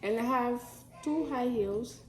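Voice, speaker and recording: A woman's voice: a little high, slow pace, a little mellow. A woman in her twenties from Malawi chatting casually over a meal, joking and teasing. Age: 20s. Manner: playful, joking, laughing at her own claims. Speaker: mukbang co-host. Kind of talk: casual chat while eating. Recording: roomy echo.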